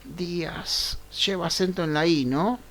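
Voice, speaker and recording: An unhurried male teacher leading a live online programming lesson, with a gravelly, creaky texture to his voice. He talks through each step as he goes and keeps checking in with his class. His pacing is deliberate and slow. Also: sits high, slight background noise. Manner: unhurried, checks in with frequent "right?" tags. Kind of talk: live online class, thinking aloud over screen share.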